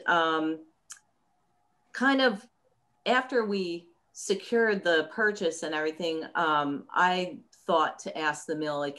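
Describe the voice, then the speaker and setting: A low-pitched woman who owns a yarn company hosts a subscription chat over a video call. She explains things casually, slowly and thoughtfully, pausing often and restarting her sentences.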